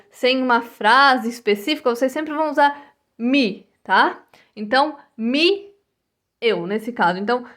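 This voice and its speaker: A Brazilian woman teaching English to young children, patiently repeating each word and ending almost every phrase with a checking "tá?" or "né?". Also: on the high side. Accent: Brazilian Portuguese. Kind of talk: recorded online English lesson for first graders.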